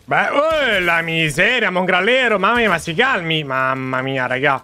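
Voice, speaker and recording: A young Italian man chatting excitedly to viewers while reacting to gameplay as a gaming YouTuber. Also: high-pitched. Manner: animated, chatty, addresses viewers as "ragazzi". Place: home gaming room.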